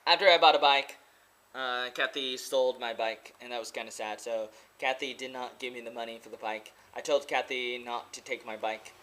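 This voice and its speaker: This young American from Oregon, in his 20s, vlogs and teaches English, and here he rambles casually but earnestly to his webcam in a small room, repeating himself with many a "like." His mid-range voice is steady and sharp at a moderate pace, picked up close by a laptop webcam.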